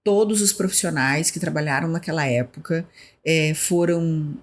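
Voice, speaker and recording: A woman, a former health official, telling animated stories in a podcast interview and acting out remembered conversations. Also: low-pitched, normal speed. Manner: animated storyteller who acts out remembered dialogue. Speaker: guest, former municipal health secretary.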